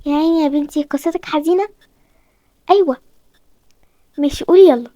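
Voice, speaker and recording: A woman's voice: high voice, brisk, dark tone, no room sound. A woman with an Egyptian accent voicing a chatty back-and-forth toy-game story, switching between the girls. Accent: Egyptian Arabic.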